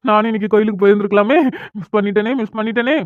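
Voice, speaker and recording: A woman's voice: medium pitch, rapid-fire, noisy background, natural voice. Woman playing a teasing young best friend. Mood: gleeful teasing. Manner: mocking, amused, excitable. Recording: dry, tinny phone-like audio.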